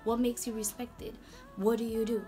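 A woman hosting a casual Bible talk vlog in a chatty, slangy, animated way. Her voice is going hoarse. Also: fairly high pitch, normal speed, soft background music. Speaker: video host.

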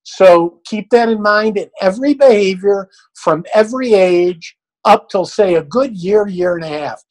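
Blunt, plain-spoken older dog trainer. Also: male voice, high voice, a little slow, poor audio. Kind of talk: answering questions in an interview.

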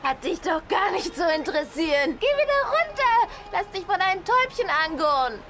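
A woman's voice: very high-pitched, sing-song, a little fast, music in the background, full character voice. A woman dubbing a spirited, carefree young woman in a film, talking in a playful, mocking way. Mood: teasing. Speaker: dub actress. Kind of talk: German film dub.

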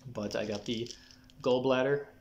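A young adult man talking casually to camera in a personal update, often clearing his throat. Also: medium pitch, steady tone, normal speed, muffled recording, noisy background. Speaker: vlogger giving a personal health update. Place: small living room, indoors. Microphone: phone or camera at arm's length.

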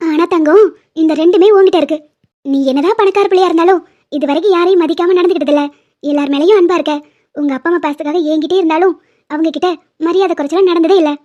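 A kindly old grandmother fusses lovingly over the girl she looks after, as a woman puts her on for a cartoon. The voice stays high and soft-spoken, recorded dull and muffled. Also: fast talker. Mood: doting. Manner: warm, doting, affectionate. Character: kindly elderly grandmother, doting housekeeper. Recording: dull lo-fi sound.

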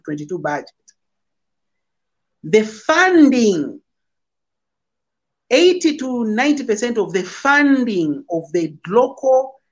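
A man from Zambia, a political commentator, explaining forcefully over a phone video call, heaping up figures and comparisons. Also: sits high. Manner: emphatic, lecturing with figures and analogies.

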